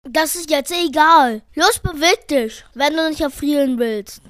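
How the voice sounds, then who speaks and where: A woman's voice: high-pitched, measured pace, a bit bright, no room sound, clean studio sound. A woman voicing a bossy but friendly little male penguin in a children's story. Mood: bossy, helpful.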